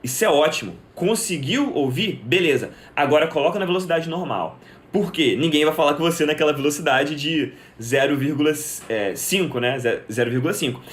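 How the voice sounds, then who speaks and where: A man's voice: a little high, brisk. A young man teaching in a live stream, answering viewers' questions and explaining step by step, often asking a question and then answering it himself. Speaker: English teacher.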